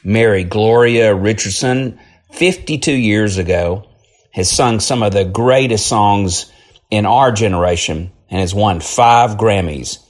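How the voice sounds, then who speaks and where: A man's voice: fairly low pitch, a little slow. A man hosting an interview show, introducing his guest in an upbeat, effusive way. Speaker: host.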